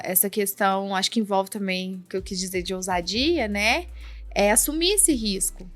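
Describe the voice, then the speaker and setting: A woman's voice: fairly high pitch, pushed and bright. A middle-aged Brazilian woman with a slight tongue-tied lisp, chatting casually and encouragingly as a podcast guest.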